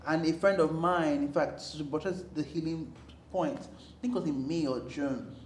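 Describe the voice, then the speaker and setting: A woman, a podcast guest telling personal stories in an animated, emotional way with frequent restarts. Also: low voice, normal speed. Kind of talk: candid personal conversation. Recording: roomy with faint background noise.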